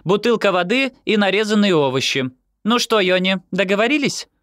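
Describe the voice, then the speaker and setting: A man doing a high coaxing young mother. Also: animated, brisk, fairly bright tone, no echo, clean studio sound. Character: cheerful pushy young mother. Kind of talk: audiobook character voice.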